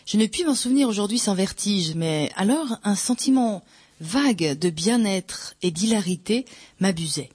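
Brief: audiobook reader, mid-pitched, unhurried first-person narration of a dark novel. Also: expressive, breathy edge, dry recording.

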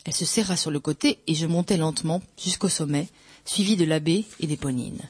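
A reader narrating a first-person literary novel aloud in a slow, measured, dramatic way. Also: mid-range voice, slightly rough, dry recording. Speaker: audiobook reader.

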